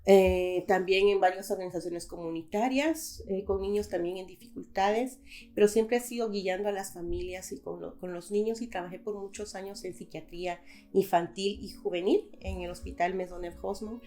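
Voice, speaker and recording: A woman's voice: medium pitch, fairly even intonation, moderate pace, mellow. A middle-aged woman from Guatemala, a guest in a conversational interview, speaking thoughtfully with frequent hesitations.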